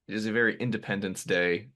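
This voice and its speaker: A podcast host with a lowish, bright, forceful voice chats casually in a conversational interview, rambling a little and tossing in self-deprecating asides.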